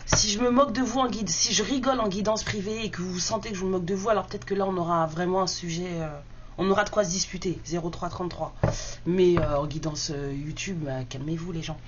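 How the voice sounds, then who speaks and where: A woman with a slightly low voice talks casually and bluntly to online viewers as she hosts a card reading. One side of her mouth is numb from the dentist. The recording is a little dull, with faint noise behind her. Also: steady tone, fast talker. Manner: blunt, unapologetic, colloquial. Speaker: host of collective guidance card readings. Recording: dull muffled sound, faint background noise.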